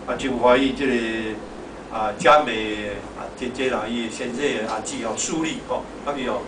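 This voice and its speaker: A man's voice: mid-range voice, normal speed. Echoey Taiwanese Hokkien-accented man preaching. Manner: conversational, exhorting, repeats phrases, frequent "hoh" tags. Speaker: pastor preaching. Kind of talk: informal sermon. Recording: echoey hall, distant mic, noisy background.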